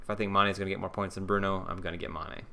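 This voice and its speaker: A man's voice: low-pitched, level tone, rapid-fire, pushed and bright, a little hiss or hum. A young man streaming live, casually thinking aloud and answering viewer questions with plenty of ums and restarts. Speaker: fantasy football streamer.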